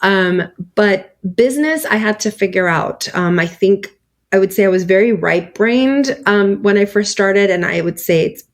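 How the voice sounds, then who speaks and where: A woman's voice: medium pitch, normal speed. A woman guest on an interview, talking casually about her clothing brand in a rambling way, with lots of fillers and laughs.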